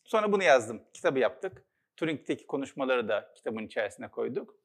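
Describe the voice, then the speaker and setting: Brief: middle-aged male speaker, mid-pitched, earnest and reflective, a psychologist telling anecdotes to an audience. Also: sing-song, a little fast. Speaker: psychologist and author giving a talk. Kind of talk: storytelling talk.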